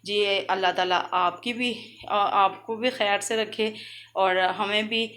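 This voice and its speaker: A woman teaching Quran reading who spells out letter sounds slowly and explains them quickly between drills. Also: mid-range voice, steady tone, fairly bright tone. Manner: slow drawn-out drills, then quick explanations.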